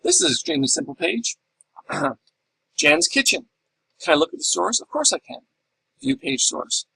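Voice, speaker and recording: A man's voice: very high voice, big pitch swings, moderate pace, vocal fry, sharp tone, poor audio. A middle-aged man teaching a class in a recorded lecture, explaining step by step and asking and answering his own questions. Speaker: instructor.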